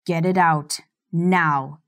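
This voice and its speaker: A woman's voice: low voice, steady tone, takes it slowly, a little mellow, pitched below the performer's own voice. A woman voicing a cold, domineering rich young man who speaks in icy, clipped commands, in an audiobook. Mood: cold commanding.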